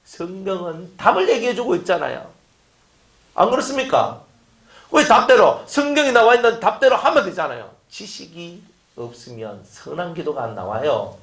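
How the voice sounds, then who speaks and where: A man's voice: high-pitched, big pitch swings, moderate pace, fairly bright tone. A man preaching a sermon, firing off rhetorical questions and acting out quotes. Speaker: pastor. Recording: echoey room.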